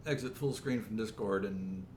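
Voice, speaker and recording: A man's voice: lowish voice, moderate pace, a little hiss or hum. A man hosting a casual podcast roundtable over a call, wry and keeping the show moving. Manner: lively, wry, moves the show along. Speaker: podcast host. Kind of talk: casual chat.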